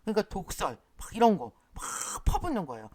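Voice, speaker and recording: A woman's voice: mid-range voice, huge pitch swings, brisk, darkish tone, no echo. A woman giving an explanatory lecture, often starting sentences with a prompting word and briefly acting out the lines she quotes. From Korea.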